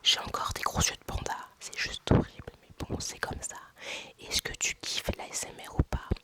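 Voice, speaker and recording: A woman doing a playful whispered role-play, parodying an ASMR host in a hushed voice. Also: normal speed, lightly acted. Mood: teasing.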